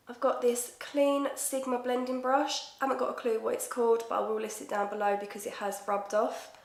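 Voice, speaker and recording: A woman's voice: mid-range voice, gravelly. A woman in her twenties with an Essex accent, chatting casually and swearing freely through a makeup tutorial. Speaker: makeup vlogger. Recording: echoey room.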